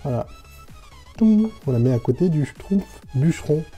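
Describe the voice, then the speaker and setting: Male toy reviewer: mellow, dark tone, chatty and descriptive, light music bed. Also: mid-range voice, fairly quick. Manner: chatty, thinks aloud, describes each figure. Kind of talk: casual unboxing commentary.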